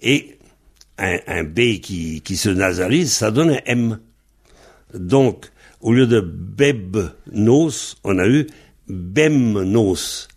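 Male teacher, lowish voice, unhurried, patient, spells words out letter by letter. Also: lively intonation, husky. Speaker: Breton language teacher. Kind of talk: slow spelled-out language lesson.

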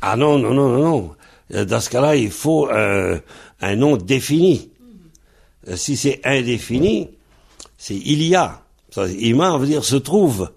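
A man teaching a grammar lesson, pausing on fillers and spelling words out letter by letter. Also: mid-range voice, lively intonation, gravelly, a little mellow, husky. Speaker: Breton language teacher. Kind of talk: slow explanatory grammar lesson.

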